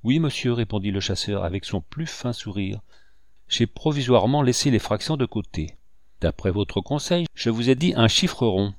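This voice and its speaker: A man's voice: medium pitch, animated, normal speed, no echo, clean studio sound, lightly acted. A man reading as an icy, sly hunter. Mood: smooth. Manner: icy and smoothly polite. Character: cool, sly hunter making demands. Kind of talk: audiobook character reading.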